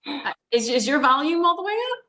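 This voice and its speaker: A woman's voice: high-pitched, sing-song, a little fast, sharp tone. A woman informally moderating a video call in a plain, helpful way, relaying remarks.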